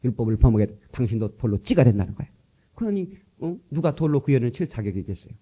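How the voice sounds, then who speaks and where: A middle-aged man preaching to his congregation, his voice deeply dark and mellow at an ordinary middle pitch. He tells stories with energy, slipping into the voices of the people he quotes and filling pauses with short affirmations. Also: breathy edge, lo-fi sound. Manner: lively storytelling preaching, acting out quoted voices, frequent "예" and "어". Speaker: pastor. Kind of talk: sermon.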